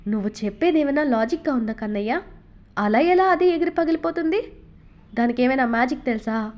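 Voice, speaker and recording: A woman's voice: fairly high pitch, steady tone, a little fast, a little mellow, natural voice. Woman voicing a cross young mother. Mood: scolding. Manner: scolding, mildly cross. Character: young mother, fond but easily irritated.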